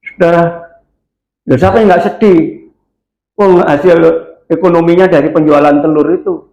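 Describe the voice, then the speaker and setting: A man preaching a sermon in a church, telling a story and swinging from low, quiet lines to high, loud cries. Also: fairly even intonation, normal speed, lo-fi sound. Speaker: pastor. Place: church hall. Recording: echoey church hall.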